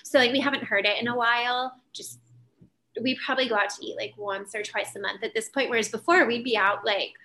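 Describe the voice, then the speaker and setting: A chatty woman in her thirties with a bright, fairly high voice, co-hosting a relaxed talk show. She rambles warmly through her stories, full of "like" and "um". A faint hiss of room noise sits under her voice. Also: fairly quick, poor audio. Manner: chatty, many fillers like "like" and "um". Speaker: podcast co-host, mother. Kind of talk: casual chat.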